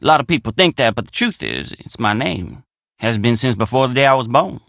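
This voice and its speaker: A man's voice: medium pitch, very animated, fairly quick, vocal fry, a bit bright, no room sound, clean studio sound. An actor playing a friendly, plainspoken young country handyman with an American drawl in a video game. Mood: wry, sincere. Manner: folksy, plainspoken country phrasing. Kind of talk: video game character dialogue.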